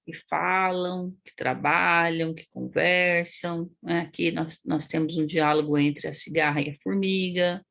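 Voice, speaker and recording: A woman with a Paraná Brazilian accent teaches young pupils at an unhurried pace. Her voice carries a gravelly fry, and she explains patiently, stretching out words and pausing to check understanding. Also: fairly low pitch, steady tone, fairly bright tone, highs cut off. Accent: Paraná Brazilian Portuguese. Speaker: primary school teacher. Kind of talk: recorded online lesson.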